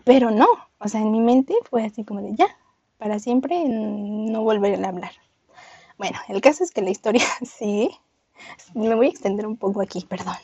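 A woman's voice: mid-range voice, normal speed, dark tone, husky, no room sound, dull audio. Giggly young woman telling a story. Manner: laughs often, acts out voices in her anecdotes. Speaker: podcast co-host. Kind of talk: casual storytelling chat.

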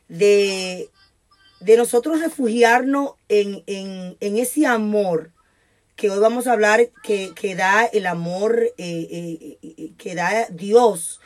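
A woman's voice: mid-range voice, a little mellow. A woman radio host interviewing a guest, hesitant with many fillers.

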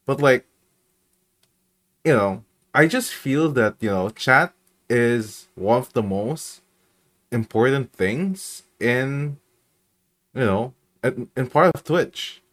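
A man hosts a casual streamer podcast, and his voice rises and falls a lot as he talks. He speaks slowly and loosely, with "you know" and "like" scattered through his sentences. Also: medium pitch. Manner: slow and lively, lots of "you know" and "like". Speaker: podcast host.

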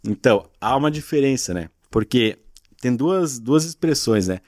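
A man's voice: medium pitch, animated, moderate pace, a little mellow, no echo, studio quality. A man, the guest on a podcast, patiently explaining regional expressions in casual chat. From southern Brazil. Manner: patient, explanatory, frequent tag questions. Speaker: guest, gaúcho culture content creator.

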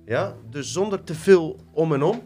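A man hosting a casual podcast, relaxed and slangy, talking to his guest and his viewers. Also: on the high side, normal speed, faint music behind. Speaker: podcast host.

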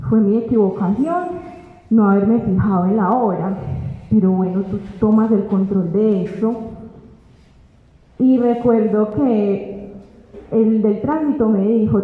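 A young woman telling a personal faith testimony with emotion, acting out the dialogue as she goes. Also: mid-range voice. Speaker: testimony giver. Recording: echoey hall, tinny phone-like sound.

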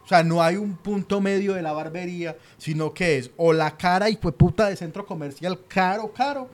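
A man's voice: high voice, moderate pace. A young Colombian man from the Medellín area, co-hosting a podcast and joking his way through a casual rant. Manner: ranting, joking, laid-back slangy talk. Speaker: podcast co-host. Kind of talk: casual comedic chat.

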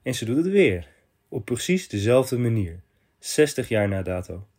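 A man hosting a podcast, reading a listener's confession letter aloud in short, measured phrases. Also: medium pitch, big pitch swings, a little mellow.

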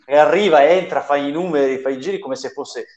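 A man's voice: a little high, fairly quick, a little mellow, muffled recording, a little hiss or hum. Blunt, slangy man in football banter. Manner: blunt, slangy, trailing off at phrase ends. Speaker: football pundit.

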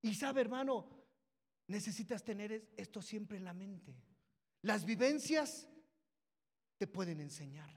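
A man's voice: sits high, lively intonation, unhurried, pauses often, slightly rough. A man preaching a sermon, retelling Bible stories in a storytelling manner and calling his listeners brothers. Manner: storytelling, repeats "dice que", addresses listeners as brothers. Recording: long reverb of a hall.

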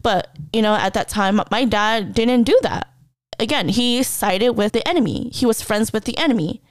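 A woman's voice: fairly high pitch, normal speed, dry recording. A young woman podcast host telling a personal story candidly, blunt and emotional with heavy swearing, close to tears at times. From Hmong community.

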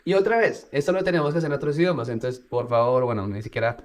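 Energetic man, business owner type, casual screen-demo host with a slightly high voice and punchy asides. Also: very fast. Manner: energetic, with punchy sound words; speaks directly to viewers. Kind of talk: casual tutorial vlog.

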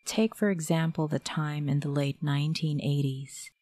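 A middle-aged woman with a Filipino accent, narrating a spooky story in a measured, dramatic way. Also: low voice, fairly even intonation, warm tone, dry recording. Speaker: storyteller host.

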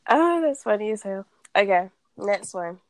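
A woman hosting a casual chat, reading dating scenarios aloud at a slow, deliberate pace and laughing often. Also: medium pitch, lively intonation, noisy background. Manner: reads questions slowly, laughs often.

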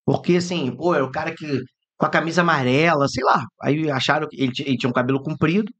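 A Brazilian man hosting a podcast, telling lively anecdotes in casual chat and mimicking the people in his stories. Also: on the high side, quick pace, husky. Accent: Brazilian Portuguese. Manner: animated, mimics voices in anecdotes, swears and laughs. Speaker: podcast host.

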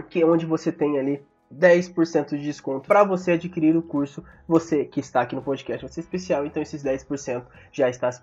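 A Brazilian man with a hoarse, scratchy sore-throat voice, hosting a podcast in a casual, informal way. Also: a little high, darkish tone, lo-fi sound. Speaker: podcast host. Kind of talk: casual solo podcast introduction and sponsor read.

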